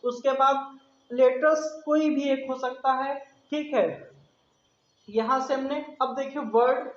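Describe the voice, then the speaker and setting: A man's voice: extremely high pitch, steady tone, slow. A male English grammar teacher with a Hindi accent, explaining step by step and often asking the class rhetorical questions. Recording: echoey room, dull lo-fi sound.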